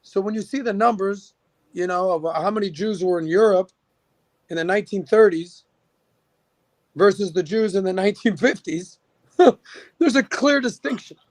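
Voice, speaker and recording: During a casual podcast chat, a male guest with a high-pitched voice talks at normal speed, pausing often, with no echo. He gives firm opinions backed by figures, full of fillers and restarts.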